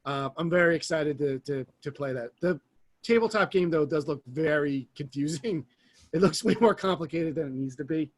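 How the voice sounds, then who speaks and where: High-voiced man chatting on a podcast. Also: moderate pace. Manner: rambling, enthusiastic storytelling. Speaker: podcast co-host. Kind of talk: casual chat.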